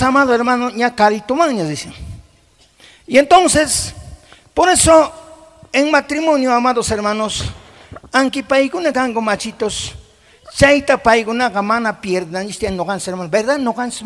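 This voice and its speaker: A middle-aged man preaching a sermon to a congregation, emphatic and often putting questions to his listeners, mixing in Quechua words. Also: very high voice. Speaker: pastor. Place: church congregation hall. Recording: long hall reverb.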